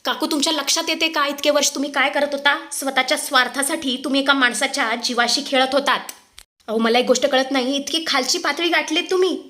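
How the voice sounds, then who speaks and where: A woman's voice: sits high, fairly even intonation, fast, sharp tone. Indignant young wife, as a woman reads her. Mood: accusing. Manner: indignant, accusing. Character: angry young wife confronting a schemer.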